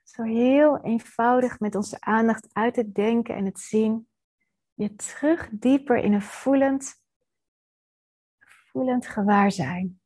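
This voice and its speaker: A woman with a slightly husky, breathy voice that sits a little high leads a guided body-scan meditation. She acts as the teacher, speaking in a gentle, soothing way with pauses.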